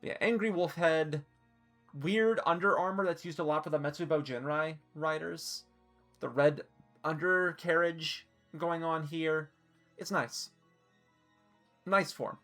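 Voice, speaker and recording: A woman's voice: sits low, fairly even intonation, takes it slowly, pauses often, fairly bright tone, faint music behind. A woman live-streaming, chatting casually and swearing freely while she ranks costumes, hiccuping and a little flustered.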